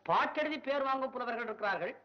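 A penniless court poet in a classic film, squeaky high and swooping wildly as he whines and bickers at top speed. He keeps muttering complaints at himself. The old soundtrack sounds dull and muffled. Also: lively intonation, slight background noise. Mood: sarcastic. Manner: fast comic wailing, talks to himself. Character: poor, anxious, whining male court poet. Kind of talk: 1960s film acting.

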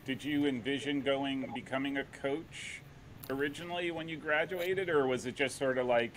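A man's voice: medium pitch, steady tone, normal speed, a bit bright, a little hiss or hum, low-quality recording. A middle-aged man hosting an interview over a video call, talking with many ums and restarts into a studio mic with a headset. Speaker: interview host, soccer coach. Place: home room.

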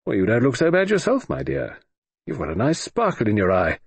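Man voicing a gruff old admiral, brusque and clipped, husky voice, lively pitch. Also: a little fast, no room sound, full character voice.

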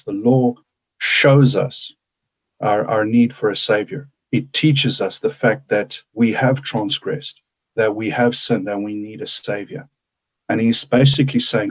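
A man in his forties teaching from the Bible on a video call, earnest and halting with fillers and restarts. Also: lowish voice, poor audio. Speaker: bible study leader. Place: indoors with a forest virtual background. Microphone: webcam on a video call.

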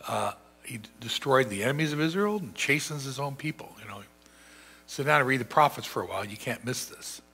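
An older man preaches from a church lectern, his voice bright and a little husky. He talks in a thoughtful, conversational way and often restarts his phrases. The sound is a lectern mic in a large sanctuary. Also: mid-range voice, lively intonation, brisk. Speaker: pastor. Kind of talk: sermon.

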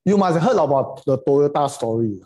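A man's voice: a little high, expressive, a little fast, mellow. A middle-aged Singaporean man giving an informal online lecture in colloquial Singlish, emphatic and full of rhetorical questions and tag words. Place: indoors, on a video call.

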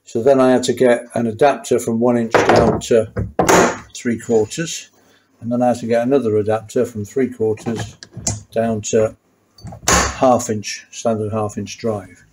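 A middle-aged or older motorcycle mechanic hosts a casual hands-on tutorial at a workbench in a small indoor workshop, chatting wryly with self-deprecating asides as he demonstrates the work. His mid-range voice stays level and measured, against heavy background noise.

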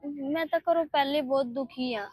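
An actress playing a troubled young widow who answers hesitantly and sadly, in a short film drama. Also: female voice, sits high, normal speed, darkish tone, dry recording, lightly acted, rough recording. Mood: sorrowful. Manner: hesitant, sorrowful.

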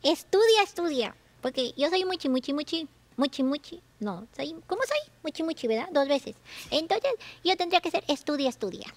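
High-pitched excitable little girl Muchi Muchi. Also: moderate pace. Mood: whiny, playful. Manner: exclamatory, repetitive, childishly complaining. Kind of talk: children's religious show acting. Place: TV studio armchair set.

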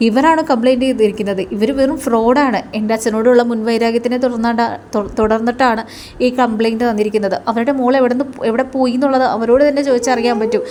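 Rapid chatty woman recapping a serial. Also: on the high side, a little mellow, a little hiss or hum. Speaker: serial episode reviewer. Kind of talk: casual spoken recap of a TV serial.

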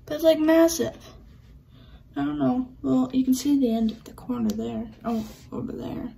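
A woman vlogging as she unboxes and sets up a new laptop, excitable and gasping, often dropping into whispered asides, recorded indoors by a camera on a tripod. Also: sits high, moderate pace, creaky, a little hiss or hum. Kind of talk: unboxing vlog narration.

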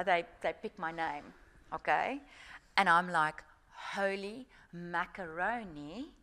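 Animated South African woman telling stories. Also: lowish voice. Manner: animated storytelling, frank and informal. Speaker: guest speaker. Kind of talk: festival workshop talk.

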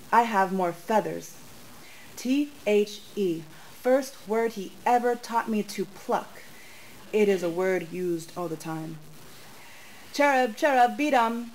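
A young woman from the United States reading her poems at a bookstore into a stand mic, soft and measured, with hesitant spoken asides. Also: mid-range voice, slight background noise, rough recording. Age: young adult. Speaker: poet. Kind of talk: poetry reading with spoken remarks. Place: small bookstore, indoors. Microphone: stand mic in front of her.

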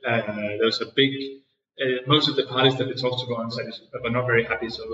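A man's voice: mid-range voice, steady tone, fast, sharp tone. A man from Denmark in his thirties, a startup founder answering interview questions in an office, hesitant with many fillers and restarts. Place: co-working space office. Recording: echoey room, distant and dull.

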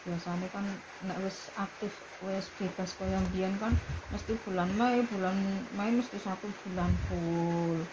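A woman's voice: medium pitch, steady tone, a little slow, background noise. A woman with a Javanese accent chatting casually with her mouth full as she eats, recorded on a phone at home. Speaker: pet vlogger. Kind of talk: casual chat. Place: indoors at home, concrete floor. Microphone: handheld phone camera.

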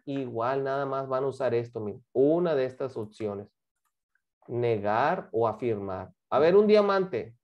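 A woman's voice: on the low side, darkish tone. A woman, teaching English and explaining homework to a class, patient and often checking that students follow. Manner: patient, checks understanding with frequent questions.

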